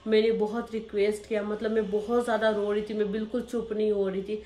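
A woman's voice: mid-range voice, level tone, fast, mellow, slight background noise. A young woman narrating her own life story to viewers, speaking emotionally and acting out what happened. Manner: emotional, talks straight to viewers and re-enacts scenes. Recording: roomy echo.

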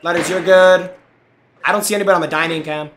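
A man's voice: high-pitched, steady tone, fast talker, fairly bright tone, a little hiss or hum. A man in his twenties calling out plays to his team in a shooter game on a headset, with slangy, sweary frat-bro talk and repeated calls. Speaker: gamer and streamer. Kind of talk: live team callouts during a shooter game. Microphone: gaming headset.

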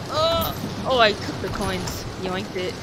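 Nervous, shaky and giggly, a young woman chats casually while gaming for a video, letting out playful swears. Her mid-range voice is expressive and slow, with clear background noise behind it.

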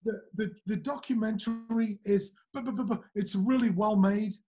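A man hosting an interview over a video call, speaking in a hesitant, halting way with many fillers. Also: high-pitched, fairly even intonation, music in the background. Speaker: interviewer, host. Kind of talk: conversational interview. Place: small indoor room, video call. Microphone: webcam on a video call.

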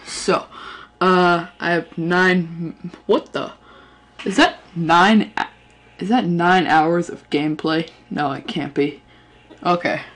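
Ranting casually over game footage, a gaming channel host rambles with lots of fillers and restarts, tossing in playful mock insults. The voice is medium-pitched, steady, slow, and fairly bright, captured on a gaming headset or webcam mic.

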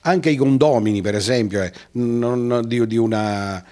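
A man's voice: medium pitch, unhurried, warm tone. A man heading a press association, giving a statement for the news with hesitations and restarts. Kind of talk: interview statement.

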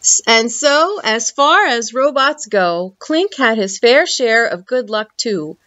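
A woman reading a picture book aloud for library storytime, with an expressive, lively delivery, heard through muffled lo-fi audio. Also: on the high side, slow.

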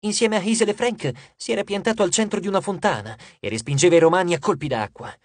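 A man narrating an audiobook in a steady, expressive storytelling manner on a close mic. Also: high-pitched, fast talker, no echo.

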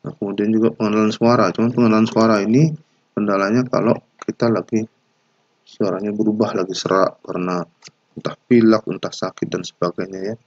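A man gives a recorded university lecture, his voice low and gravelly with a husky edge. He talks in an unhurried, explanatory way, pausing and hesitating as he goes. The recording is dry and somewhat muffled. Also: flat delivery, a little mellow, no room sound.

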